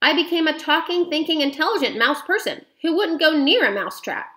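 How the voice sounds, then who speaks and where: A woman voicing an excitable young boy who has been turned into a mouse. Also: sits high, a little fast, voice pushed up, exaggerated voice. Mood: urgent. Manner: eager, excitable.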